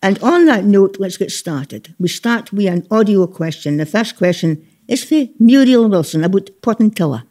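A woman's voice: medium pitch, animated, moderate pace, hardly any pauses, mellow. A woman with a broad Scottish accent presenting a gardening radio programme, chatty and bantering, with Scots dialect words. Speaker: radio host.

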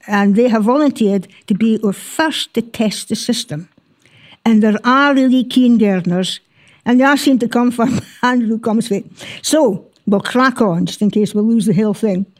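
A woman's voice: on the high side, a little mellow. A woman with a broad Scottish accent presenting a gardening radio show informally and chattily, sprinkling in Scots words.

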